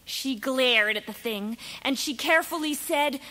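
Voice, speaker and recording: A woman narrating a rhyming children's story in a lively, expressive, sing-song way. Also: high-pitched, unhurried. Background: music.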